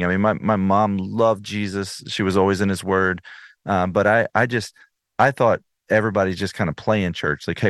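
A man's voice: low voice, no echo, studio quality. A man in his thirties, an interview guest telling his personal story earnestly, with frequent restarts. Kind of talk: personal testimony in conversation.

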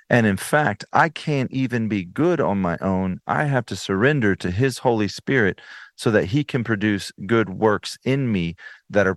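Male guest, thirties, deep low voice, earnest storyteller who restarts often, dry close sound. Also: no echo. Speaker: interview guest. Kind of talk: personal testimony in conversation.

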